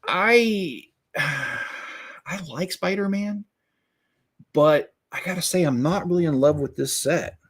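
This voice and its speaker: A man's voice: a little high, animated, slow pace, pauses often, a bit bright. Chatty man building Lego on camera. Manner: chatty, mildly sarcastic, talks while building. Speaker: Lego channel host. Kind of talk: casual build vlog commentary.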